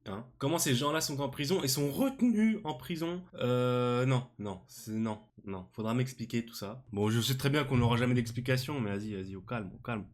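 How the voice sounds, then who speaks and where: A young man talks into a studio mic in an animated reaction style. He is slangy and exclamatory, looping back over the same phrases again and again. His voice sits at an ordinary middle pitch. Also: moderate pace, few pauses. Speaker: manga reaction youtuber. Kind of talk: excited reaction commentary. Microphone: studio microphone on arm.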